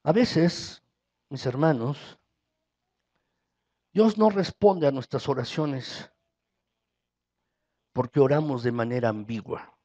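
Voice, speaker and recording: A man's voice: mid-range voice, takes it slowly, long pauses, dark tone, muffled recording. A man with a Mexican Spanish accent preaching a sermon as pastor, his voice rising for emphasis.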